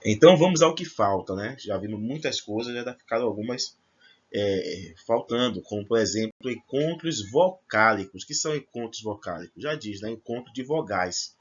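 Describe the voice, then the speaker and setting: A man's voice: fairly low pitch, expressive, moderate pace, breathy edge, lo-fi sound. A man teaching a grammar lesson to first-year students, explaining step by step and checking in with his class. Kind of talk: recorded remote class lesson.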